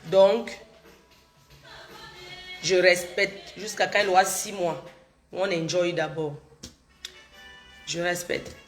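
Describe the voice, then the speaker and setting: Slow and level, with frequent pauses, a lowish-voiced middle-aged Cameroonian woman chats on her livestream as faint music plays behind. She has a cold, keeps repeating herself, and answers viewers' comments one by one in casual talk.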